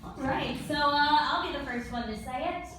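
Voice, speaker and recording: A young American woman doing a stand-up comedy set, deadpan and blunt, swearing freely. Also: sits high, normal speed. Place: comedy club stage. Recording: echoey room from a distance, noisy.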